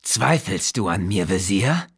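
A man's voice: sits low, sing-song, breathy edge, no echo, studio quality, exaggerated voice. A man doing a cold, hissing necromancer king. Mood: cold, commanding. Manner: slow, commanding, hissing menace. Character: cold, arrogant undead priest-king necromancer, male.

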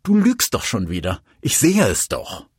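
A man reading an audiobook, voicing an uncertain, pleading woman in a raised, husky voice. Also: medium pitch, wildly swooping pitch, measured pace, no room sound, studio quality, heavily acted. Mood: reproachful.

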